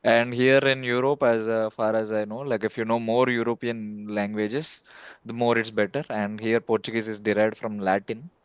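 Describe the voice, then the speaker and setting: A man's voice: fairly low pitch, flat delivery, normal speed, smooth, no room sound. A man hosting a casual video-call chat, speaking hesitantly and often saying "like". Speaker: host. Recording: dull, band-limited video call audio.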